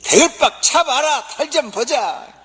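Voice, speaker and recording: A pastor voicing a blunt, curt husband with a Gyeongsang dialect. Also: male voice, extremely high pitch, lively intonation, measured pace, pitched above the performer's own voice, full character voice. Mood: gruff retort. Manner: curt, loud and mocking. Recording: long church reverb.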